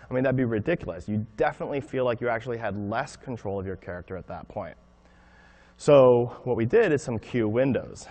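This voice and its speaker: A man presenting a conference talk on game design, explaining in an animated way and acting out what players think. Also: medium pitch. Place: conference hall.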